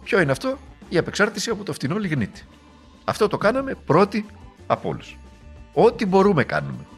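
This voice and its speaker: A man's voice: high voice, huge pitch swings, faint music behind. A man giving a political speech in a sarcastic, rhetorical, mocking manner.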